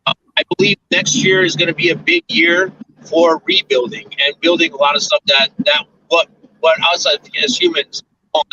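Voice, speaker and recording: A man's voice: on the high side, big pitch swings. Man on a choppy, breaking-up call from a car. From Arizona. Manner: halting and rambling, many fillers and restarts. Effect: choppy breaking-up call audio. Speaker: guest. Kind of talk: casual interview over a video call. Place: inside a moving car. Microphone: phone or laptop on a video call. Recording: distant, dull lo-fi call audio with faint car noise.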